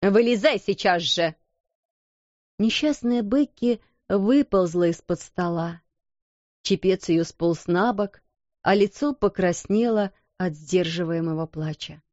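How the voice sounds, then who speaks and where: A woman's voice: lowish voice, animated, a little slow, dark tone, no room sound. Woman narrating a storybook, dull dry sound. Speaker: audiobook narrator.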